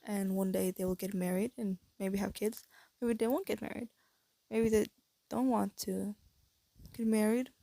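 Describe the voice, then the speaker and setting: Teen girl yapping into her phone, breathy and a bit stuffy, lots of ums and restarts, kinda husky-fry, dry sound. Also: medium pitch, steady tone, normal speed, warm tone, dry recording. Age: teens. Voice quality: breathy, slight lisp from wearing retainers. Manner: hesitant, thinking aloud with many fillers and restarts. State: stuffy nose. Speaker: vlogger. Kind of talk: casual rambling vlog monologue. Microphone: phone held close.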